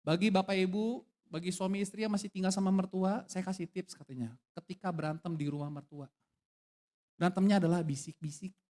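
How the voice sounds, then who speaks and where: A man's voice: high-pitched, steady tone, a little fast, warm tone. A man preaching a sermon at a church service, asking the congregation questions and mixing in casual, joking asides. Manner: casual slangy asides and jokes. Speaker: pastor.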